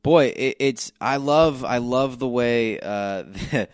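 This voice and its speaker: A man who is a comedian, a guest on a podcast, talking in a halting, reflective way with many restarts. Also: mid-range voice, clean tone, no room sound, studio quality. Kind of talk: casual podcast chat.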